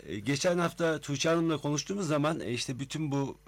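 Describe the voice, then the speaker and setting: A man's voice: fairly high pitch, lively intonation, quick pace, no room sound. A man co-hosting a radio interview, asking long winding questions politely. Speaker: radio co-host.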